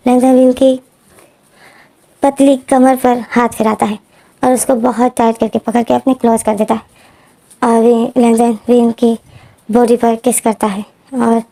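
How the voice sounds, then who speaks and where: A woman's voice: on the high side, dark tone. A woman storyteller retelling a fan fiction story in a plain, repetitive way, with many linking words.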